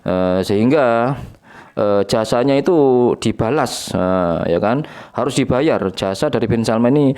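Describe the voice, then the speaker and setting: A male reaction host with a clean, resonant voice at an ordinary pitch. He chats casually and mockingly to his audience, chuckling between remarks. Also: lively intonation, a little slow, darkish tone, clean tone. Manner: chuckling, sarcastic, keeps addressing viewers as friends.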